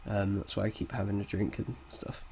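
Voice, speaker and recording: Keys clatter as a game development tutor works through a casual screen-recorded coding lesson, his lowish, warm voice slightly croaky from a cold and showing little pitch movement. He muses aloud while typing, hesitates often and laughs off his errors.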